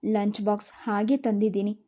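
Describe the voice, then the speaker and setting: A woman's voice: mid-range voice, steady tone, moderate pace, warm tone, close to an everyday voice. A woman voicing a proud, sensitive schoolgirl who speaks while crying, in a read-aloud storybook. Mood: tearful.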